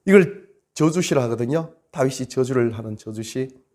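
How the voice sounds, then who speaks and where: A man's voice: medium pitch, animated, normal speed, darkish tone. A male pastor preaching a sermon, dramatic, acting out quoted prayers and stretching words for emphasis.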